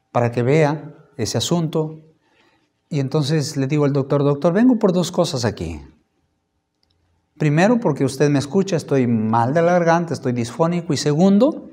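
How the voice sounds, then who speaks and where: A pastor in his thirties giving a sermon testimony, telling his story with lively acted-out dialogue. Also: a little high. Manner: animated storytelling, acting out dialogue.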